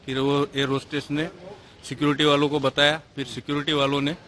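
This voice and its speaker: Bright-voiced man airing a complaint. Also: a little high, little pitch movement, a little fast. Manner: aggrieved, detailed step-by-step complaint. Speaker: stranded air passenger. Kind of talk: on-the-spot news interview.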